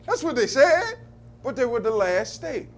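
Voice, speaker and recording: A man delivering preacher-style commentary on local affairs, with an emphatic call-and-response cadence that surges to loud peaks. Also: very high-pitched, huge pitch swings, normal speed.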